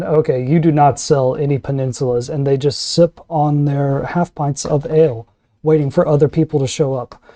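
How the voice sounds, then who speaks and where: A man's voice: mid-range voice, dark tone, no room sound. A man casually narrating a tabletop role-playing game as game master.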